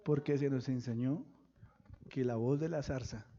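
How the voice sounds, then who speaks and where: A pastor preaching a sermon, firing questions at the congregation and breaking into sudden loud bursts. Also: male voice, mid-range voice, unhurried, dull audio. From Colombia.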